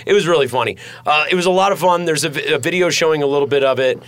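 A man's voice: on the high side, rapid-fire, over music. A man hosting a podcast in a studio, chatting casually and rambling with lots of fillers and swearing. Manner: rambling and profane, many fillers. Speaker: podcast host. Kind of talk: casual chat.

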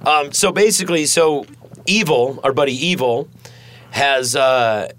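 A man's voice: medium pitch, a little slow, a bit bright, dry recording. Male podcast host, loose rambling chat, swears freely, studio mic. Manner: rambling and profane, many fillers. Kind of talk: casual chat.

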